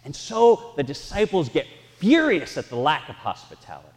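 A man preaching a sermon, telling lively, self-mocking stories from the pulpit, his voice ringing with a cathedral-like echo in a large church. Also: on the high side, normal speed. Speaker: pastor. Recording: long reverb in a church hall.

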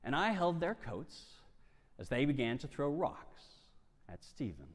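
Man, dramatic first-person monologue, lively rising and falling pitch, long hall echo. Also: a little slow. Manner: dramatic, swinging from hushed to loud. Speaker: storyteller.

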